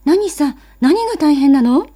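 A woman's voice: high voice, expressive, a little slow, mellow, voice pushed up. Woman doing a prim, scolding big sister. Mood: startled. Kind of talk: storybook reading.

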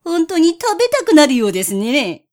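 A woman's voice: sits high, huge pitch swings, brisk, darkish tone, pitched above the performer's own voice. A woman voicing a sly, scheming male spotted cat who coaxes in a syrupy tone, in a storybook reading. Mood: coaxing. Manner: coaxing, wheedling tone.

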